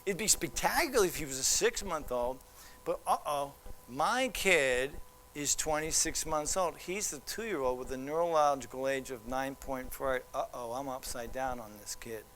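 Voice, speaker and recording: Brief: male presenter, lively and playful, slightly high voice, faint hiss behind. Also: normal speed. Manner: animated, teasing, acts out quoted voices. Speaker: child development specialist. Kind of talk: presentation to parents.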